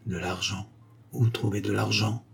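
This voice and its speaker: A man's voice: mid-range voice, normal speed, mellow, breathy edge, pitched above the performer's own voice, natural voice. A man voicing a proud young duke who has ruined himself, speaking in an agitated, indignant way in a read-aloud novel.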